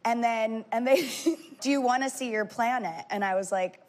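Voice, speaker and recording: A woman telling a personal story casually, halting and restarting, with lots of "like". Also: a little high, very noisy.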